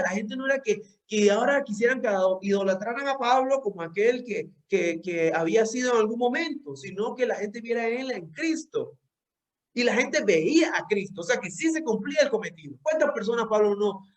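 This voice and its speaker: A young man preaching a sermon, earnest and direct, often repeating words as he searches for the phrasing. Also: high-pitched. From Venezuela. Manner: speaks directly to listeners as "usted".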